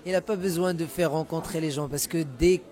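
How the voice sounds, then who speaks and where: The Moroccan musician guest talks a little fast, his fairly high, warm voice staying fairly even in intonation. Moroccan Arabic is his first language, and in this casual interview he repeats words while groping for terms.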